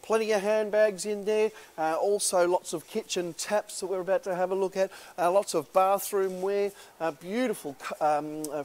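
A man's voice: fairly high pitch, darkish tone. A man in his thirties with an Australian accent, an auctioneer giving a casual, upbeat sales walkthrough of a large indoor warehouse, with lots of filler "uh"s.

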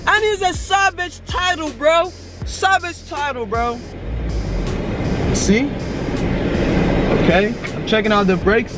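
In an extremely high voice, slowly and with long pauses, a twenty-something man vlogs from an outdoor car auction lot over background music. He holds the camera at arm's length and preaches casual hustle advice, calling everyone "man" and "bro."

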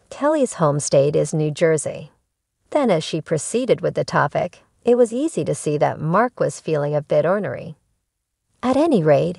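Low, gravelly woman narrating. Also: no room sound, clean studio sound. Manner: reads a written script in even, formal sentences. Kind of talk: scripted entertainment news narration.

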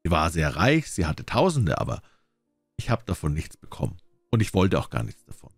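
A gruff, middle-aged husband, read by a man in a story, speaking in clipped phrases. The voice is low, with lively pitch, and sounds dry and close. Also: moderate pace, no room sound, faint music behind, exaggerated voice. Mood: guarded. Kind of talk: audiobook character voice.

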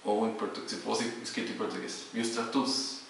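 A man's voice: on the low side, level tone, fairly quick, gravelly, far from the mic. A young man from Brazil chats his way through a hair product review, wandering off topic and restarting his sentences. He sounds set back from the mic in a very echoey room. A faint hiss runs under his voice. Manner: rambling, self-correcting, chatty. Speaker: vlogger.

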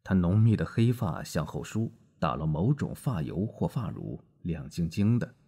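A man's voice: low voice, sing-song, moderate pace, creaky, dark tone, breathy edge. A man narrating a hard-boiled novel in the first person with a dry delivery. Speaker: audiobook narrator.

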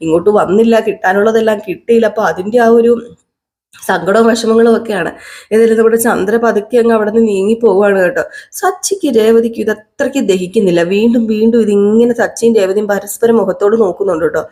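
A woman retells the latest episode of a TV serial in a chatty, conversational way. Her voice is dark and mellow, at a middle pitch. She keeps adding friendly asides as she goes. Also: quick pace. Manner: chatty, often adds a tag like "you know" and acts out the dialogue. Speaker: serial review narrator.

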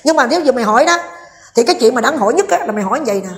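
A woman's voice: fairly high pitch, lively intonation, very fast. A woman vlogger, delivering a heated, combative rant and scolding while speaking directly to her viewers.

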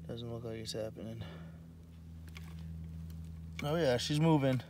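A man casually narrating his ice fishing vlog outdoors on a frozen river, with excited bursts whenever a fish bites. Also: mid-range voice, measured pace. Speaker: fishing vlogger. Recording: noisy outdoor recording.

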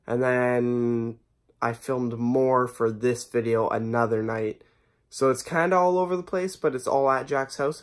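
A man hosting a car channel, recorded on his phone, explaining his video in a relaxed, rambling way with lots of fillers. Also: mid-range voice. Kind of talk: casual vlog explanation. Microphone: recorded on a phone held by the speaker.

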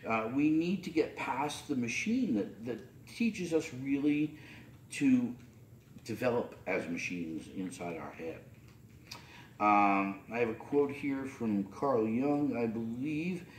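A middle-aged priest gives a loose, unscripted sermon from the pulpit of a small chapel, his medium-pitched voice slow but lively, with fillers and restarts. A distant camera picks it up, so the audio is roomy with slight hiss or hum.

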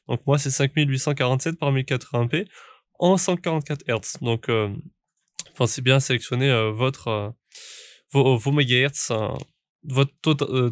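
A man talks through a racing setup tutorial, stopping and restarting his sentences. His voice sits at a middle pitch. It is recorded dry and close on a desk microphone at home. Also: no room sound. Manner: rambling with many fillers and restarts. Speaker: sim racing YouTuber. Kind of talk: casual tutorial walkthrough. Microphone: studio microphone at a desk.

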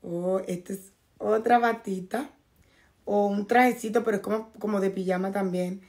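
Female vlogger, losing her voice, gravelly and fry-heavy, mid pitch, chatty clothing-haul delivery aimed straight at the viewers. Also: steady tone, normal speed, darkish tone. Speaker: fashion vlogger. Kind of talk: casual clothing haul unboxing. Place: at home, in a bathrobe.

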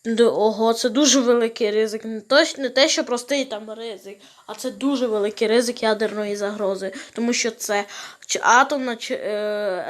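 A woman with a high voice comments on a video for her viewers. She speaks hesitantly, pausing and filling gaps as she goes. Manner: hesitant, many fillers, addresses viewers. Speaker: video reactor. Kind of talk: reaction commentary.

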